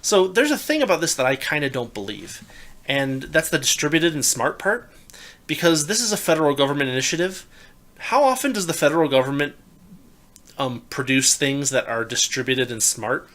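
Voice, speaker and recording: A young adult man in casual political talk, animated and incredulous, often restarting his sentences. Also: fairly high pitch, normal speed. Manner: animated, rising to loud incredulous emphasis; restarts and stammers mid-sentence. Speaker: podcast co-host.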